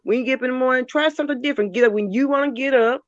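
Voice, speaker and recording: A woman's voice: high voice, rapid-fire, no room sound, lo-fi sound. Encouraging woman preaching advice over a call. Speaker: stream participant. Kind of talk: casual advice-giving chat.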